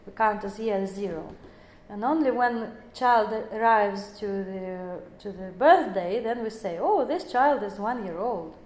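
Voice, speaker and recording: A woman's voice: mid-range voice, a little slow, few pauses, a little mellow. Woman lecturing with phrasing. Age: 40s. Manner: non-native phrasing, many fillers and self-corrections. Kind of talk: explanatory lecture. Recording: echoey room.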